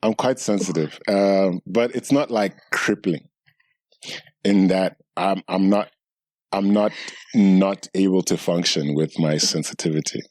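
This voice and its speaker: Low-voiced man co-hosting a chatty podcast. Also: measured pace, darkish tone, dry recording. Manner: laid-back, laughs often, rambling restarts. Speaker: podcast co-host. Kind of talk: casual chat. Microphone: studio podcast mic.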